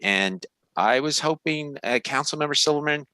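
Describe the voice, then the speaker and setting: A man chairing an online business meeting informally, with halting, hesitant phrasing. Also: a little high, animated, bright, forceful tone, clear, resonant tone, dry recording.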